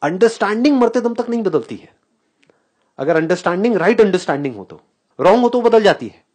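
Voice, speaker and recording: This man's voice sits high and runs a little fast as he speaks live to an audience as a spiritual teacher. Lively and inquisitive, he laughs a lot and mixes English into his Hindi.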